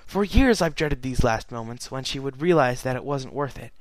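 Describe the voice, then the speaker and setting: A man's voice: mid-range voice, expressive, moderate pace, dry recording, lightly acted. A man voicing a regal, sorrowful immortal pony princess, reading her letter in a solemn, earnest way. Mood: solemn, wistful. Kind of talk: fan fiction reading.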